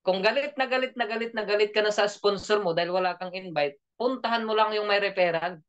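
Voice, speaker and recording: A man's voice: high-pitched, quick pace, fairly bright tone, clean tone. A man coaching an online training session, joking, laughing often and keeping his listeners engaged with questions. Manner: joking, laughs often, keeps asking the audience. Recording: dull lo-fi audio.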